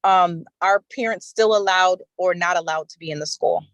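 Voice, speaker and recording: A woman's voice: lowish voice, normal speed, no echo. A woman speaking on a car speakerphone while driving, joining a committee meeting call. She talks hesitantly, with many fillers and restarts. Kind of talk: casual meeting discussion on a call. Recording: dry speakerphone audio from a car.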